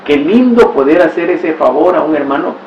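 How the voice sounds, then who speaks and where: A fairly high-pitched man delivers a religious teaching talk, telling stories with exclamations and rhetorical questions. He is heard from a distance in a roomy space. The recording sounds dull and has a faint hiss. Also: expressive, moderate pace, a little mellow. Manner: storytelling with exclamations and rhetorical asides. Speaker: catechist.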